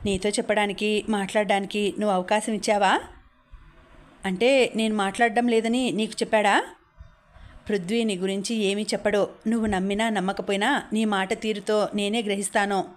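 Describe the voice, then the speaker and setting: A woman narrating a novel, reading the characters' dialogue in a steady storytelling voice. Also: mid-range voice, normal speed. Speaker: audiobook narrator.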